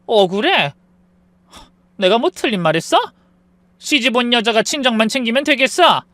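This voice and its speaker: A woman's voice: a little high, expressive, moderate pace, fairly bright tone, no room sound. Woman voicing a scolding older mother-in-law. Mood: scornful. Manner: scolding, contemptuous. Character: domineering older mother-in-law, scornful and shrill.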